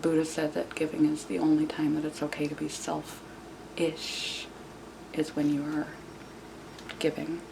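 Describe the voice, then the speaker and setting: Hushed, whispering woman with a creaky edge. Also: low-pitched, monotone, a little slow. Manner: hushed, quiet whispering so as not to wake someone. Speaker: video channel host. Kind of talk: casual self-help vlog, informal advice talk. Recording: clearly noisy room recording.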